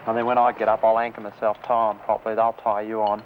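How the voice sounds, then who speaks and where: A man's voice: lowish voice, monotone, quick pace. A man who climbs rocks, giving casual instruction to a novice outdoors. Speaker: experienced rock climber coaching a novice. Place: outdoors at a rocky cliff. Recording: dull 1970s location film sound, noisy.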